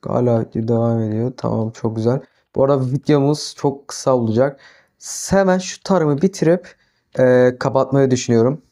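Young guy doing casual let's-play commentary, mellow voice, talks to himself, keeps getting fed up and yelling. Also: mid-range voice, brisk. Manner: talks to himself, flares into exasperated yelling at the animals. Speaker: gaming YouTuber.

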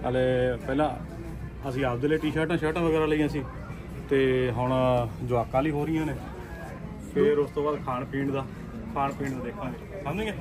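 A man's voice: medium pitch, fairly even intonation, brisk, over music, low-quality recording. A man vlogging in a busy shopping mall, speaking casually and teasing while he talks to viewers on a handheld phone. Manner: chatty, teasing, addresses viewers. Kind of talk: casual vlog chat. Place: large indoor shopping mall.

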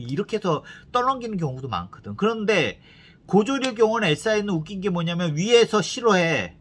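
A man's voice: on the high side, fairly bright tone. A middle-aged man giving blunt career advice to developers in a rambling, profane, scolding way. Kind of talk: blunt casual advice monologue.

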